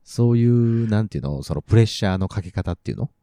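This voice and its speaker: A man's voice: on the low side, lively intonation, fast talker, warm tone, no echo. A middle-aged man with a mixed Nagoya and Kansai accent, chatting casually and agreeably, often repeating his affirmations. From Nagoya area, Japan. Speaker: podcast co-host. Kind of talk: casual chat.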